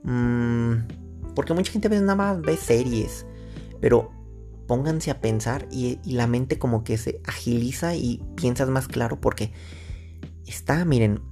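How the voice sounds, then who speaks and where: A man's voice: mid-range voice, unhurried, darkish tone, faint music behind. A man with a Mexican accent hosting his own casual solo podcast, rambling and slangy, thinking aloud and drifting off topic, into his own microphone. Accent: Mexican Spanish. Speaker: podcast host.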